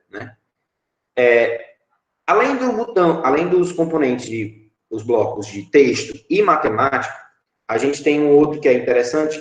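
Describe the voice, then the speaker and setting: This is a screen-share tutorial: a man in his thirties, Brazilian Portuguese accent, medium pitch, explaining the building blocks of apps to students online. He speaks from an echoey home room into a webcam, pausing with "é" and asking "certo?" to make sure everyone follows.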